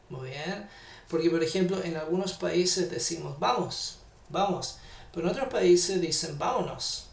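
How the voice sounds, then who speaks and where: A man with a Chilean Spanish accent teaches English grammar in a live online class, patiently and slowly repeating example sentences in English. His voice is a little high and gravelly, and the distant mic gives it a roomy sound.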